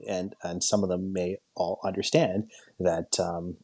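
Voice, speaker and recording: A man's voice: sits low, little pitch movement, a little slow, mellow, breathy edge, dry recording. A man chatting casually and joking crudely, speaking on a phone from a basement at home. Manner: jokey, crude humour. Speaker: guest on a sports talk show.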